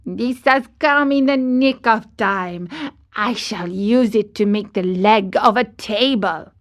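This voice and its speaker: A woman's voice: mid-range voice, slow pace, close to an everyday voice. Brief: old storybook carpenter, nervous mumbling self-talk, as a woman narrator puts him on. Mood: pleased. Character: old timid carpenter talking to himself.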